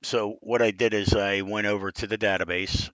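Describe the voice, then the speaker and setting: A man in his fifties with a deep, gravelly voice, chatting casually and bluntly as he reviews game courses on a live stream. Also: fairly even intonation, normal speed, fairly bright tone, no room sound, highs cut off. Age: 50s.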